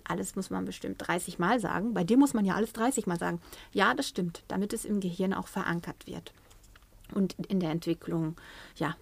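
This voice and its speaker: Woman, parenting advice talk, lively, acts out quotes, mid pitch, dry close sound. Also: vocal fry, no room sound.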